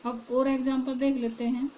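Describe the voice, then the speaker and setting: A woman's voice: sits high, flat delivery, moderate pace, warm tone, slight background noise, rough recording. A woman teaching a Hindi grammar lesson, asking her class questions and then answering them herself.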